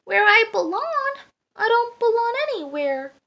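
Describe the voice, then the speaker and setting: A woman's voice: very high-pitched, lively intonation, measured pace, dull audio, voice pushed up, full character voice. A woman voicing a sad, lonely young male duckling in a storybook reading, recorded on a phone. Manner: soft, wistful, storybook-reading. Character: sad lonely young duckling, gray and big, who is a boy.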